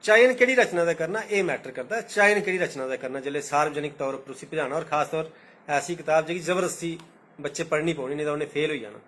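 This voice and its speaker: A man's voice: on the high side, fairly bright tone. Dogri man explaining and reciting verse. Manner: explaining, repeating points, recites verses slowly. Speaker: teacher. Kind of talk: live-streamed talk on poetry.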